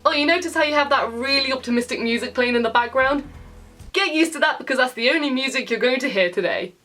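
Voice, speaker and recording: Addressing viewers directly, a woman with a British accent delivers a playful, sarcastic video game review. She sounds high, quick, pushed, and bright, over music in the background.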